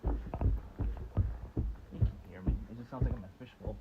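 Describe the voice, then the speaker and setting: A man's voice: mid-range voice, moderate pace. A man on a casual live stream whose voice comes through muffled, as if from inside a fishbowl, while he tests his mic. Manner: fiddling with gear, testing his mic. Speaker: livestreamer. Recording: muffled wet phone mic with hiss.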